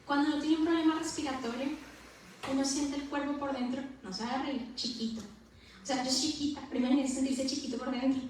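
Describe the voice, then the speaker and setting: A woman preaching a personal testimony in a church, fervent and rising to loud exhortation. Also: high-pitched, fairly even intonation, a little fast, a little hiss or hum. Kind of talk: impassioned sermon testimony. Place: church sanctuary. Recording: very echoey hall, distant mic.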